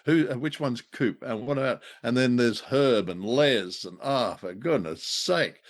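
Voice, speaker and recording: A man co-hosts a radio show, chatting casually about old radio drama in a jokey, wry way. His mid-range voice comes out unhurried, and his delivery rambles and hesitates.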